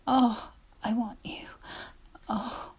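Slow breathy whispering woman. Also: on the high side, fairly even intonation. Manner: breathy, hushed whispering, soft laughs. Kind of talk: intimate whispered voicemail.

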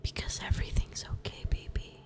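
A woman whispering softly in a soothing, doting ASMR roleplay. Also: brisk.

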